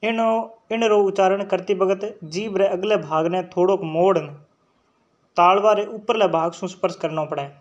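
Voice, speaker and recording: A man with a Rajasthani accent gives an exam-prep lesson in a high voice, sounding out letters one by one and pausing to check in with the class. The recording is dull and lo-fi. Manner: drills sounds aloud, checks in with "theek hai" often. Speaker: teacher. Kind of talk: online exam-prep lecture.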